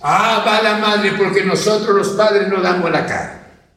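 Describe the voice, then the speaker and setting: Pastor, male, high and unhurried delivery, emphatic sermon, caught from afar in a booming, reverberant church. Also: bright, forceful tone. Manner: emphatic, repeatedly addresses the congregation as brothers. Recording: very echoey hall, distant mic.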